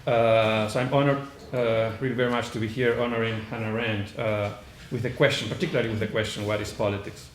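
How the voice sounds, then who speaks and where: A man's lowish, flat voice moves fast with few pauses as he, an Argentine-accented conference panelist, reads a lecture from notes. His manner is hesitant, marked by many restarts and "uh" sounds. The conference room setting is echoey, and faint noise runs in the background.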